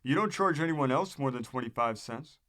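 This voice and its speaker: A man's voice: medium pitch, expressive, moderate pace, fairly bright tone, lightly acted. A man voicing a haughty, penny-pinching literary woman, curt and haggling, in a storybook-style reading.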